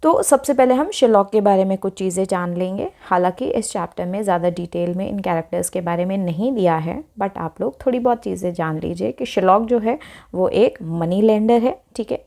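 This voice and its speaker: A woman's voice: medium pitch, expressive, a little mellow. Woman teacher explaining step by step. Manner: explains terms step by step, checks with frequent "okay" asides; reads English text slowly and deliberately. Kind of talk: explaining a textbook lesson.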